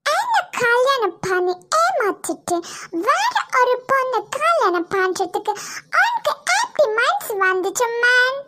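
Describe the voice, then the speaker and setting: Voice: very high-pitched, very animated, slow, background noise, exaggerated voice. A voice actor playing a betrayed young bride in a cartoon, with a Kanyakumari Tamil accent, scornful and accusing. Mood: bitter. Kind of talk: cartoon voice acting.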